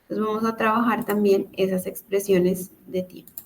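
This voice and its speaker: A woman's voice: mid-range voice, flat delivery, moderate pace, slight background noise. Patient woman teaching English grammar. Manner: patient, step-by-step, asks "¿listo?" often. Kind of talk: online class explanation. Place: video call.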